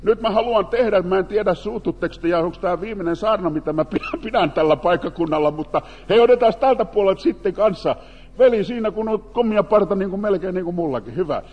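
A man preaching an animated sermon in speech, calling out to the congregation and bringing them in. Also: high-pitched, highs cut off. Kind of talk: lively sermon with audience participation. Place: church hall. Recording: long hall reverb.

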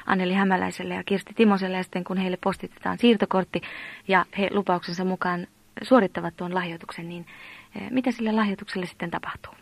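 A woman interviewing a guest, asking deliberate questions with slight stumbles. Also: on the low side, fairly even intonation, vocal fry, no room sound.

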